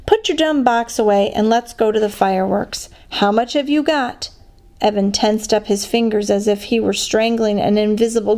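A woman reading a children's novel aloud as a guest reader, with expressive dialogue. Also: on the high side.

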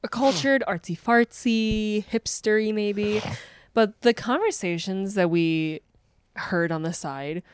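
American woman co-host, teasing banter, mid pitch, dead-dry mic. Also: slow, smooth, no room sound. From United States. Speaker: podcast co-host. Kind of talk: casual chat.

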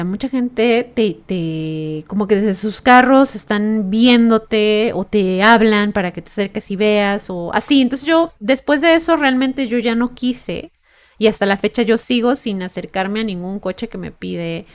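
A woman's voice: medium pitch, clean tone. Chatty Mexican woman telling a story. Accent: Mexican Spanish. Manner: chatty, lots of fillers and tag questions. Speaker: podcast host. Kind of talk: personal storytelling monologue.

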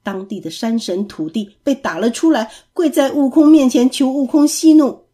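A woman reads a classic tale aloud for children with lively expression. Her voice is a touch high, mellow and breathy. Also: moderate pace. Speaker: children's storyteller. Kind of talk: storybook narration for children.

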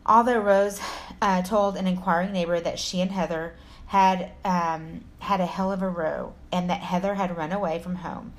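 This true crime podcast co-host, a Texan with an American accent, reads a story informally, stumbling now and then and adding casual asides. She speaks at a moderate pace in a low, steady voice.

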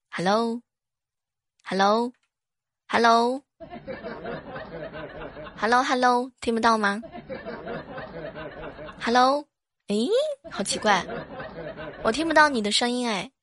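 A woman's voice: a little high, a little slow, pauses often, crowd noise. A woman hosting a live stream, bubbly and chatty, laughing often. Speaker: livestream host.

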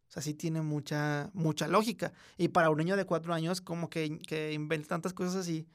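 A young Mexican man telling a scary story in casual, slangy chat, often dropping to a hush when quoting a child. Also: a little high, steady tone, brisk. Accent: Mexican Spanish. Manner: slangy, swearing, acts out a child's quiet voice in quotes. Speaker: podcast host.

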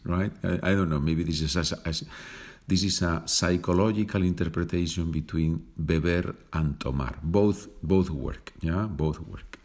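Guy teaching spanish on a podcast, husky low voice, explains stuff patiently and repeats. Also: a little mellow. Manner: slow, patient, explains with small laughs and repeats. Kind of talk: slow bilingual language lesson.

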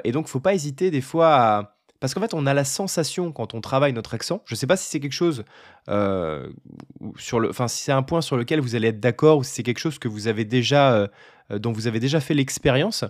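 A man's voice: mid-range voice, lively intonation, moderate pace, no room sound. Hesitant French man, dry sound. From France. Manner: hesitant, many fillers and restarts. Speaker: language learning vlogger. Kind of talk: casual talk to camera.

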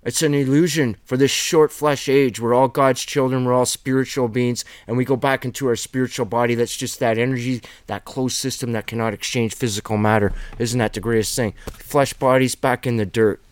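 A man's voice: medium pitch, steady tone, brisk, no echo. A middle-aged man giving an earnest, emphatic Bible teaching by video, with a preacher's fervor.

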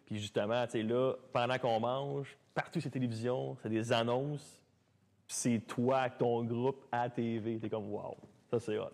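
A man in his thirties with a Québécois accent, telling stories as a guest in a casual chat, animated and full of restarts. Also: medium pitch. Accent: Québécois French. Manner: fast, animated talker with many restarts. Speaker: guest dancer.

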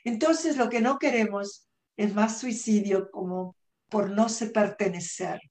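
A woman coach talks very slowly and deliberately in a podcast interview. Her pitch sits in the middle of the usual range. She acts out her own inner thoughts and now and then drops English words into her Spanish. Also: a little mellow. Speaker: self-management coach and guest.

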